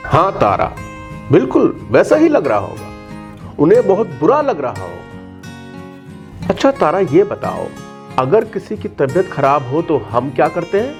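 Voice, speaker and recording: A man voicing a gentle, patient father who soothes and kindly explains things to his child. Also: a little high, wildly swooping pitch, unhurried, pauses often, faint music behind, full character voice. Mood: reassuring.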